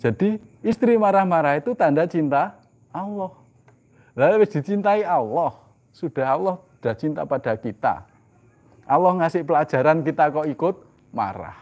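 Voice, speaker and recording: Male preacher, fairly high voice, rhetorical questions, loud emphatic peaks and hushed asides. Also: lively intonation, moderate pace, pauses often. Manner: rhetorical questions answered himself, mixing in Javanese phrases; swings from loud emphatic lines to soft low asides. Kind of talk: sermon.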